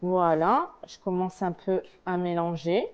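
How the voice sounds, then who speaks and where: A woman's voice: lowish voice, lively intonation, a little slow, clear, resonant tone, highs cut off. A woman casually talking through a recipe step by step as a home cook, in a hesitant, explanatory way. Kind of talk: casual cooking tutorial, talking through steps.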